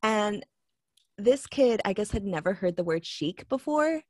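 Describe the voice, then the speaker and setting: A woman's voice: mid-range voice, animated, a little slow, no room sound, studio quality. A young woman with a Long Island accent, co-hosting a podcast in casual chat, rambling through stories with lots of "like" and frequent laughter. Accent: Long Island New York. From Long Island, New York. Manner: rambling storyteller, laughs often, many likes. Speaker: podcast co-host. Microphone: video call.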